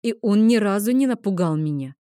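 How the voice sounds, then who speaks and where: A woman narrating a first-person fantasy novel in an expressive storytelling manner. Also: medium pitch, fairly quick, dry recording, clean studio sound. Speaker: audiobook narrator.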